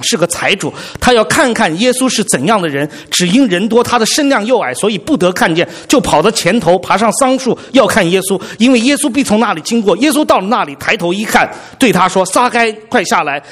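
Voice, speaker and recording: A man's voice: high voice, brisk, hardly any pauses. A man preaching a sermon as pastor, telling stories animatedly and speaking straight to the congregation. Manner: animated storytelling preacher, addresses the congregation directly.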